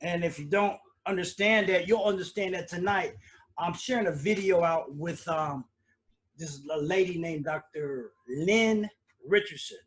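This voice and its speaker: A man's voice: sits high, normal speed. A man hosting a casual live stream from home, talking loosely with lots of fillers and restarts. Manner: loose, rambling, conversational with fillers. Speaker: host.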